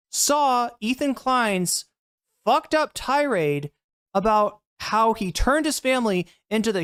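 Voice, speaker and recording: A woman's voice: mid-range voice, clear, resonant tone, no room sound, studio quality. A woman streamer reacting to clips and talking to her chat, blunt and heated, with frequent swearing. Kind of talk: casual livestream commentary.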